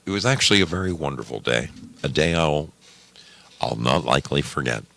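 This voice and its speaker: A bass-voiced man with lively intonation talks fairly quickly in a gravelly, sharp tone. He hosts a radio show and chats casually live with listeners, folksy and theatrical. He calls them friends and dear brothers.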